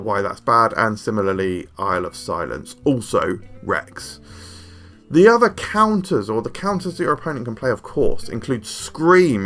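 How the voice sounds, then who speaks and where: Joking young man, bright voice. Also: medium pitch. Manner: jokey, rambling, self-deprecating. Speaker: card game video host. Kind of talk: casual game review.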